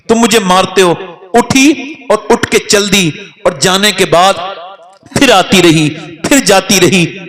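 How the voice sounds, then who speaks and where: A man preaching a sermon, telling stories and rising to shouts as he leads the crowd. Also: high-pitched, in a large hall. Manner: storytelling, rises to shouting and leads crowd chants.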